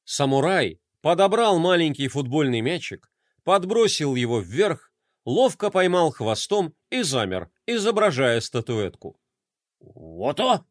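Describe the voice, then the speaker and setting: Expressive man reading a children's story. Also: fairly high pitch, a little slow, no echo, studio quality. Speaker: narrator.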